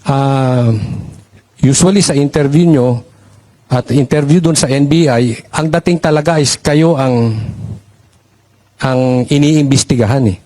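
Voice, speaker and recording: A man's voice: mid-range voice, unhurried, mellow. A man who is a vlogger speaks as a commentator on a panel and presses the guests with direct questions.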